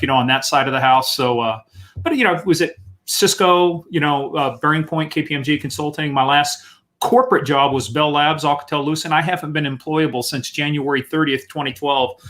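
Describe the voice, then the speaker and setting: A man's voice: on the high side, a bit bright. A man from Kansas, a guest expert on a live webinar, talking in a joking, self-deprecating way over a video call. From Kansas, USA. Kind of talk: casual chat on a live webinar.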